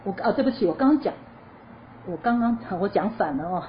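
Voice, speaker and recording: A woman teaching a choir lesson, explaining musical phrasing in a lively, chatty way and asking her listeners questions before answering them. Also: medium pitch, a little fast. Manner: lively explanatory, sings short demo phrases. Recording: slightly dull lo-fi recording with faint noise.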